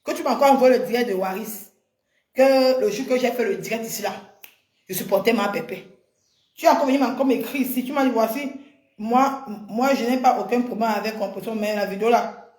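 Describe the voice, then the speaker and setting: A woman with a high voice rants heatedly on a livestream, confronting someone and hammering the same points again and again. Her voice rings around a roomy, echoey space. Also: brisk, a little mellow. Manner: heated, confrontational, repeats herself. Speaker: live streamer. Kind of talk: livestream rant. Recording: echoey room.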